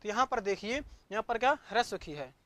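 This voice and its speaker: A woman teaching an online grammar class at a medium pitch. She works slowly through each step, asks a question and then answers it herself. She repeats key forms several times to drill them in. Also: expressive, a bit bright. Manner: drills by asking and answering her own questions; repetitive, step-by-step explanation.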